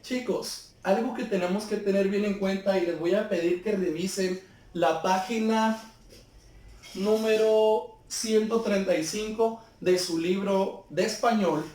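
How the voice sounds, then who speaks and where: High-voiced man teaching in an echoey room. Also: fairly even intonation, unhurried, a little mellow. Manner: patient, explains step by step with questions to pupils. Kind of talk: remote class lesson. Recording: very echoey room, far from the mic.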